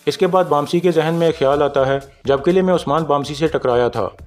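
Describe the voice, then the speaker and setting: A man's voice: a little high, a little fast. Pakistani man narrating a drama recap. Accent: Pakistani Urdu. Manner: steady storytelling, reads out characters' lines in his own voice. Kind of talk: scripted narration. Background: faint background music.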